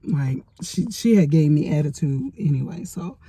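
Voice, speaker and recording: A woman's voice: low-pitched, animated, normal speed, mellow, slightly rough, dry recording. A middle-aged woman chatting casually in a rambling storytime vlog, filled with fillers, recorded on a phone in her parked car. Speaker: vlogger.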